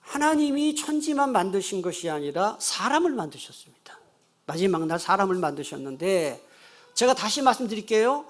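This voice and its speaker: A man's voice: very high-pitched, a bit bright. A man, the pastor, giving a sermon and telling a funny story while asking the congregation questions. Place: church sanctuary.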